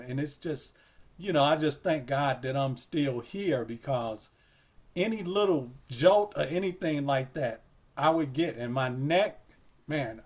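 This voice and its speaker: A man hosts a casual interview, his voice sitting somewhat high for a man. He rambles easily, leans on fillers, and speaks straight to his audience. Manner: relaxed, rambling, many fillers like "you know"; addresses viewers directly. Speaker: host.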